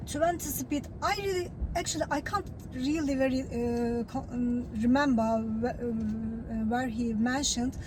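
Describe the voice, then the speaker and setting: A woman with a fairly high voice speaks haltingly and earnestly, often repeating herself, in non-native English. She sounds like a learner giving a casual account, with clear vehicle noise behind her. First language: not English. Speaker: newly qualified learner driver. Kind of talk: casual spoken testimonial.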